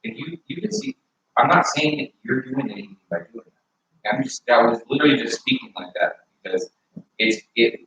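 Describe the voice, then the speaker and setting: A man's voice: mid-range voice, huge pitch swings, a little fast, bright, forceful tone. A man talking casually and earnestly, rambling with many restarts as he argues his point. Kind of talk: casual argument. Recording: echoey room, far from mic, dull.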